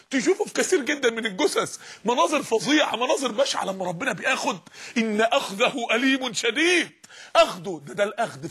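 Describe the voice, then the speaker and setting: A man's voice: very high-pitched, a bit bright, husky. A man preaching a sermon in an Egyptian Arabic accent, impassioned and rhetorical, pleading with his listeners and breaking into tearful outbursts.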